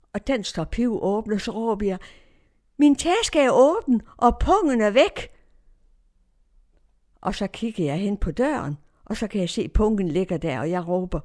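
A woman tells a personal story in a lively, anecdotal way. She slips into quoted dialogue as she goes, and her voice sits at an ordinary middle pitch. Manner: lively anecdotal telling, quoting others in dialogue. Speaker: churchgoer recounting neighbourhood life.

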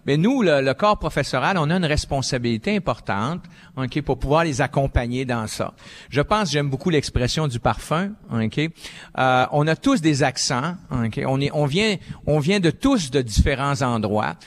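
Older Québécois man, halting panel answer. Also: a little high, lively intonation. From Quebec. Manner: hesitant, many fillers and "ok"s. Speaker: panelist, former school principal.

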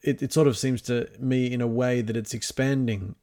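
A man's voice: mid-range voice, fairly even intonation, moderate pace, mellow. A man in a Bible study discussion, reflecting analytically and explaining his reading of a passage step by step.

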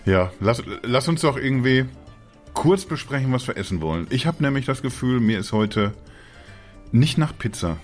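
A man's voice: mid-range voice, animated, moderate pace, faint music behind. A man co-hosting a podcast, chatting casually and jokingly with some hesitant restarts, calling in from home. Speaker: podcast co-host. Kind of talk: casual chat. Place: home in Dortmund, remote.

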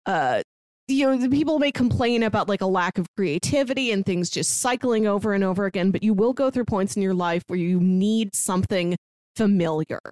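A woman co-hosting a podcast discusses films casually, thoughtful and sincere but full of fillers and restarts. Her mid-range voice is brisk and a little mellow, and the recording is dry.

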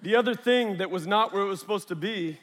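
A man in his thirties delivers a sermon full of family stories, his voice sitting high for a man. He acts out little dialogues with animated energy. The sound carries a long reverb from a large hall. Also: fast. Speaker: pastor. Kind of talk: storytelling sermon.

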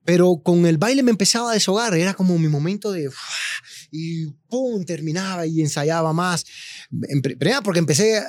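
A man, a guest telling his story with animated, slangy chat. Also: high voice, brisk, no echo, studio quality. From Cuba. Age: 40s. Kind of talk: casual interview chat.

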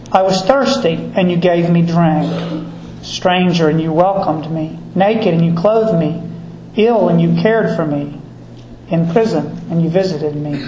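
A middle-aged male priest from Georgia, reading scripture and preaching at a service in a measured, deliberate way, with a cathedral-like echo around his voice. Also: high-pitched, warm tone. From Georgia, USA. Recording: echoey church with faint background noise.

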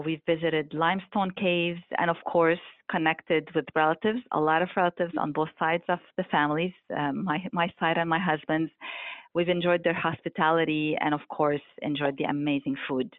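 A woman in her forties from Lebanon, a guest in an interview, who answers in a measured way with frequent ums and uhs. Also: deep voice, no room sound. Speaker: airline revenue management guest. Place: Montreal office. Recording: tinny phone-like line, dry.

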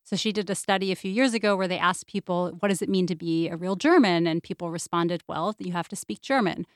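A woman's voice: fairly low pitch, a little fast, dry recording, studio quality. A woman, a radio guest speaking in a thoughtful, conversational way. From United States. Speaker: guest, series producer. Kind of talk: radio interview discussion.

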